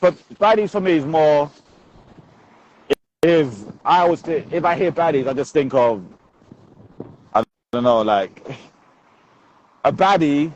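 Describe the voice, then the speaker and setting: A man joining a casual chat as a remote guest, heard over a call line, animated and repeating himself. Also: fairly high pitch, takes it slowly, pauses often, lo-fi sound, a little hiss or hum.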